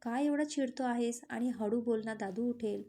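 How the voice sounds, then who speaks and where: A woman's voice: on the high side, moderate pace, dark tone, lightly acted. A woman voicing a playful, affectionate young woman in a romantic audio story.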